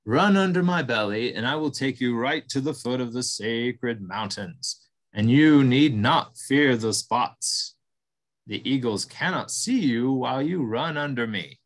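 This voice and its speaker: Great buffalo read by a man, grave and kind, unhurried, lowish voice. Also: animated, natural voice, low-quality recording. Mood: grateful. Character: great dying male buffalo, solemn and kind.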